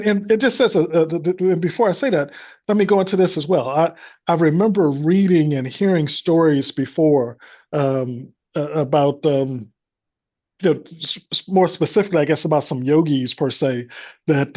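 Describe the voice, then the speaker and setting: A man's voice: on the high side, darkish tone, lo-fi sound. A man telling a personal faith story as a guest, in an earnest, devout manner. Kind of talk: personal testimony.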